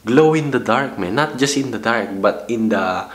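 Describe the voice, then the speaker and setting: A man's voice: medium pitch, lively intonation, measured pace. A young man vlogging casually, giving playful, slangy advice and teasing his viewer. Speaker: vlogger giving dating tips. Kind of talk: casual joking talk to camera. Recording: echoey room.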